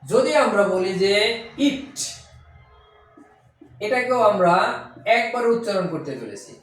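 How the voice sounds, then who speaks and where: Echoey high-voiced man teaching. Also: sing-song, soft background music. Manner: explains step by step, sounds out syllables slowly. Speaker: English teacher. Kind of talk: classroom lesson explanation. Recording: very echoey room.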